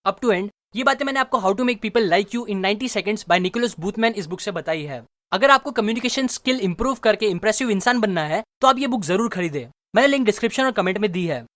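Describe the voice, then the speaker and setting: A man narrating a book summary, explaining clearly and speaking directly to the viewer. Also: high voice, lively intonation, a little fast, hardly any pauses, fairly bright tone, no room sound.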